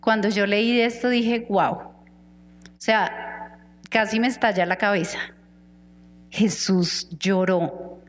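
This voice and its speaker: Slow, earnest woman preaching in a hall. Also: fairly high pitch, steady tone, a bit bright. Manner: earnest, slow and emphatic, addressing listeners directly. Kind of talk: sermon.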